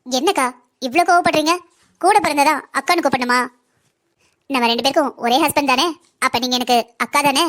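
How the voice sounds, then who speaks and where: A woman's voice: sits high, steady tone, brisk, pauses often, a bit bright. A woman voicing a scheming young cartoon villainess who swapped a baby, sly and mocking. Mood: taunting. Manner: sly, taunting, mocking politeness. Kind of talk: cartoon voice acting.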